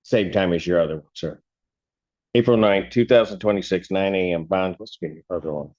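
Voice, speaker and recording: A man presiding as a judge at a plea hearing, asking formal questions in a measured way, heard through a courtroom recording. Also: low voice, darkish tone. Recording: dull courtroom audio recording.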